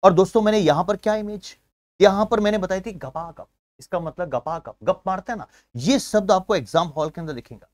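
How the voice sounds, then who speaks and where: A man teaching an exam-prep science class, energetic, building memory tricks and calling viewers his friends. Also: sits high, brisk, dry recording. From India. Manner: energetic, uses memory tricks and asks himself questions; keeps addressing viewers as friends.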